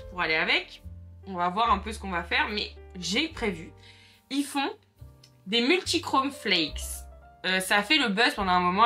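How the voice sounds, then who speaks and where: A woman's voice: fairly high pitch, sharp tone. A young woman chatting casually to her viewers while doing her makeup, full of fillers and asides. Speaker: makeup vlogger. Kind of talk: casual makeup tutorial chat. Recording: faint background music.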